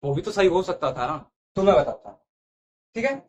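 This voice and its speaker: A man's voice: high voice, expressive, normal speed, slight background noise. A man teaching an English grammar lesson, repeating words and often checking that students follow. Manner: repetitive, checks understanding with "theek hai". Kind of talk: classroom lesson explaining to students.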